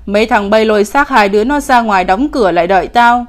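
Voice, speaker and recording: A woman's voice: medium pitch, fast talker, natural voice. A woman voicing a lecherous, cruel old male village official in a spoken ghost story, bullying and commanding. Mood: barking orders. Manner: bullying and commanding, falsely sweet when coaxing.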